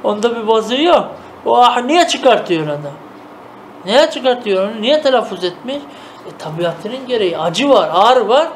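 A man with a strikingly high voice gives a traditional madrasa-style lesson. He reads classical Arabic phrases, then unpacks them patiently, asking himself quick rhetorical questions and checking that his students are following. A faint hum of room noise sits under his voice. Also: very animated. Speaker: teacher of classical Arabic grammar and logic.

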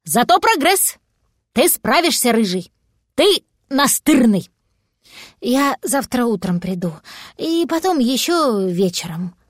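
A woman voicing a brisk, bossy male dachshund who coaches with emphatic exclamations, in a storybook reading. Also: a little high, big pitch swings, no room sound, studio quality, full character voice. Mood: instructive.

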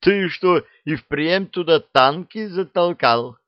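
A man's voice: on the high side, expressive, takes it slowly, dry recording, voice pushed up. A man voicing a brash young hero who exclaims in disbelief, on a dry, dull recording. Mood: incredulous. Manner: exclamatory, incredulous.

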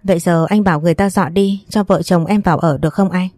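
A woman's voice: fairly low pitch, fairly even intonation, quick pace, warm tone, no echo, faint music behind, close to an everyday voice. A woman voicing a suspicious, middle-aged younger brother who talks bluntly and accusingly. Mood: pleading.

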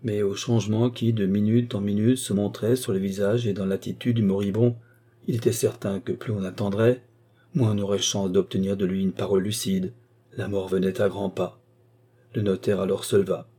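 Low, husky male audiobook narrator. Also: flat delivery, moderate pace, warm tone. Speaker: audiobook reader. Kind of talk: scripted novel narration.

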